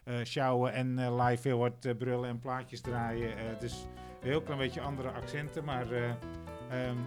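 Man, medium pitch, halting delivery, casual co-host chat, light music behind. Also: level tone. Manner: halting, searching for words. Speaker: radio show co-host looking back.

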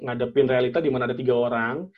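A young man in casual chat, telling a personal story in an animated way, acting out the dialogue and using plenty of slang and fillers. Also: mid-range voice, very fast, phone-quality sound.

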